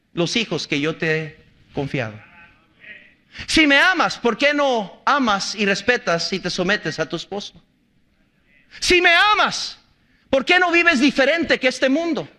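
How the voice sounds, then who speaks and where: A man, a pastor preaching an impassioned sermon, hammering rhetorical questions and at times shouting. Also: very high voice, big pitch swings, measured pace, pauses often.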